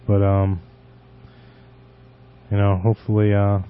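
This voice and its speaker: A man hosting a show with casual, unscripted talk in a halting, rambling manner. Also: fairly low pitch, monotone, clean tone. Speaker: podcast host. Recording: dull lo-fi internet radio audio.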